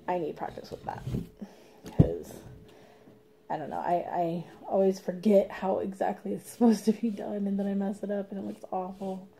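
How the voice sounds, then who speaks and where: A young woman talks her way through a craft project in a loose, rambling chat, laughing often and sometimes sinking to a murmur. Her voice is very dark and mellow, with a gravelly edge. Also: medium pitch, very animated, moderate pace, a little hiss or hum, poor audio. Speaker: craft vlogger. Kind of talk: casual chat while painting.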